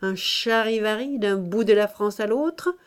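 A woman's voice: medium pitch, unhurried, smooth, natural voice. A woman reading the part of a burly, self-doubting older master painter in an audiobook, with pleading, tormented outbursts. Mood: grumbling. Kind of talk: audiobook character voice.

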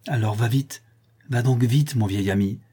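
A man's voice: medium pitch, moderate pace, dark tone, breathy edge, close to an everyday voice. A man voicing an overwrought noble prince in an audiobook reading, speaking with trembling, barely restrained emotion. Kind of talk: audiobook character voice.

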